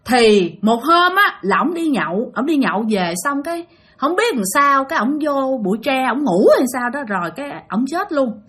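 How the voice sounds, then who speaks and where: High-voiced woman telling a ghost story. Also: very animated, normal speed, a bit bright. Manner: chatty, addresses listeners directly.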